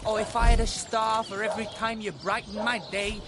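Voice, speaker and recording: Man playing a high-pitched, cheesy male flirt. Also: little pitch movement, a little fast, very noisy, close to an everyday voice. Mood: flirtatious, teasing. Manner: theatrically seductive, wheedling. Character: flirtatious male barker spouting cheesy pickup lines. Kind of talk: video game character acting. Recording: music behind the voice.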